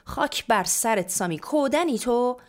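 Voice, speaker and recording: A woman voicing a short-tempered middle-aged mother who scolds loudly and fast in a storybook reading. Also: lively intonation, close to an everyday voice. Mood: scolding. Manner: shrill, fast, nagging.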